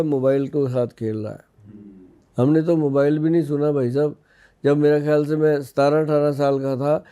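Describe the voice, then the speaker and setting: A man's voice: on the high side, warm tone, smooth, highs cut off. A man from India in his fifties, an Ayurvedic expert on a podcast, explaining in a folksy way with personal anecdotes. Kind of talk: casual podcast interview.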